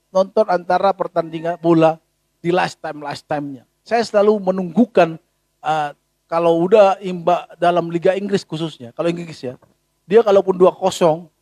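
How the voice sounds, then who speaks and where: Brief: male pastor, very high voice, lively sermon, dry close sound. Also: dry recording. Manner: animated, rhetorical questions, colloquial.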